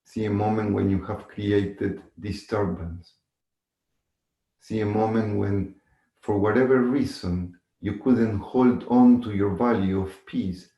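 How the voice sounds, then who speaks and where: Guy doing guided meditation, really slow and mellow, roomy echo. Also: lowish voice. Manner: measured, instructive, with long pauses and gentle repetition. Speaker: meditation teacher. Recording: echoey room.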